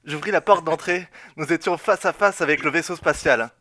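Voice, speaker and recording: A man reading a role and narration in a comic fan-fiction reading, dry and deadpan. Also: on the high side, moderate pace, no echo.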